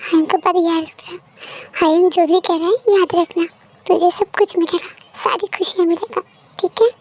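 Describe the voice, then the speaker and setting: A woman voicing a male friend gently coaxing the bride to stop crying. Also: extremely high pitch, steady tone, moderate pace. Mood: comforting. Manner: soothing, coaxing.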